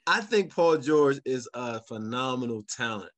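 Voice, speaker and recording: A man's voice: medium pitch, expressive, unhurried, a bit bright. A man on a podcast panel talking sports casually, repeating phrases for emphasis.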